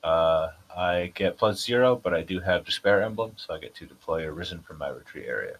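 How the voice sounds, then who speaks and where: A man with a New England accent, laid-back and dryly joking while he plays a card game. His voice sits very deep and low. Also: animated, a little fast, rough recording. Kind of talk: casual chat while playing a card game.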